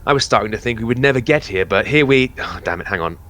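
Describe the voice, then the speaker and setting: A man's voice: medium pitch, animated, quick pace, fairly bright tone, a little hiss or hum, lightly acted. A man playing a chatty, sarcastic lone space explorer who talks to himself in a science fiction audio drama. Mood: eager, playful.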